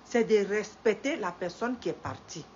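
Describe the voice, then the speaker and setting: A middle-aged woman nursing a head cold hosts a live stream, greeting viewers before a slow moralizing lecture heavy with repetition and emphatic rises when she preaches. Her mid-range voice is animated and a little mellow, at normal speed. The audio is dull and lo-fi, with faint ambience and slight background noise.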